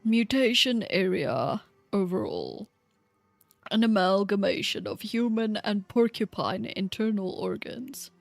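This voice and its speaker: A woman putting on an old male scholar's voice to read grim research notes aloud in a slow, measured way. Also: mid-range voice, expressive, gravelly, no room sound. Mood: clinical. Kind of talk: reading in-game notes aloud in a put-on voice.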